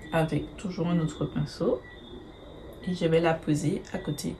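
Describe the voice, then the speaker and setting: Casting note: woman, low-ish voice, chatty makeup vlogger who hesitates a lot and swears casually, slight background hiss. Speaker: beauty vlogger. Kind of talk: casual makeup tutorial chat.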